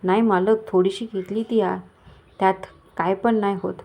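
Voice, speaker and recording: A woman's voice: mid-range voice, steady tone, normal speed, mellow, natural voice. A woman voicing an idle, drinking village husband who speaks meekly and deferentially. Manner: meek and deferential.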